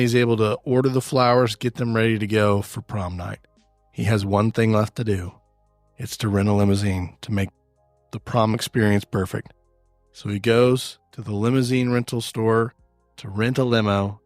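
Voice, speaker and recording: A man's voice: lowish voice, no echo. A man telling a story joke on a podcast, patiently explaining things simply as he goes.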